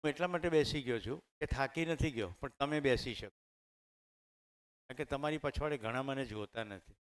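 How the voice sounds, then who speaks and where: Speaking into a microphone in a training hall before a live audience, a middle-aged man with a clear, resonant voice and a Gujarati accent tells stories to teachers. His pitch is medium and his speed normal, and he talks conversationally, sharing anecdotes and addressing the audience directly.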